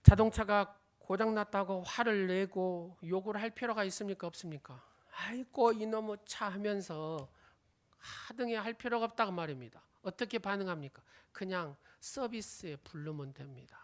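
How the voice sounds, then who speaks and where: A woman's voice: medium pitch, normal speed. A woman preaching a sermon, telling an illustrative story and quizzing the congregation with questions, her sentence endings often fading to a whisper. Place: church sanctuary.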